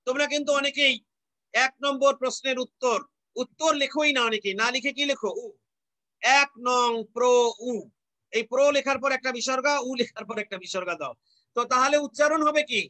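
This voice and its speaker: A man from Bangladesh teaching an online class, patiently explaining and repeating example words slowly, often asking rhetorical questions. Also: extremely high pitch, sharp tone.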